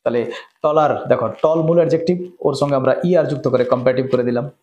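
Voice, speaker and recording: This explanatory grammar lesson comes from a man with a Bengali accent whose medium-pitched voice is a little mellow, heard through a muffled recording. He explains each rule, often asks "right?" and reads examples slowly.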